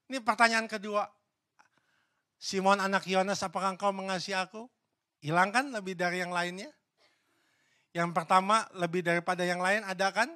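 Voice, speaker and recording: A male pastor preaching a sermon in a church, swinging between loud, emphatic questions to the congregation and hushed, low asides.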